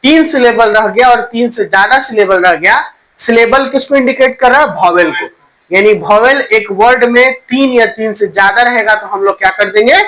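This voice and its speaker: A man's voice: sits high, moderate pace, pushed and bright, poor audio. A male teacher giving a classroom grammar lesson, quizzing students, repeating their answers and spelling words letter by letter.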